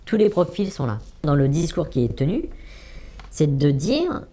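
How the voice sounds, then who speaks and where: Man in his 40s, anonymous witness, halting delivery, warm dark tone, repeats himself for emphasis. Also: on the high side, very animated. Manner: hesitant, many fillers, repeats words for emphasis. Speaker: anonymous former trading student giving testimony. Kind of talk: interview testimony.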